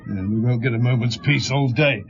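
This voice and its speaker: An actor playing a grumpy, dry middle-aged police inspector in a radio drama. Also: male voice, medium pitch, brisk, muffled recording, a little hiss or hum, close to an everyday voice. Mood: dry grumbling.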